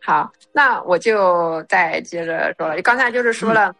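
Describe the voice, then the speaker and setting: A young woman chatting casually and haltingly, with a slight thick-tongued lisp from wearing dental braces. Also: on the low side, bright, forceful tone, faint music behind. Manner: slow, halting delivery. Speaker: guest sharing study experience. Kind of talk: casual chat.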